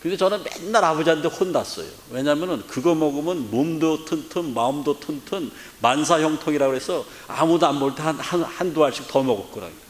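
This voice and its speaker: A man's voice: a little high, fairly quick, hardly any pauses. A man from Korea, a pastor giving an earnest sermon full of rhetorical questions and filler sounds. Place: church sanctuary. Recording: long church hall reverb.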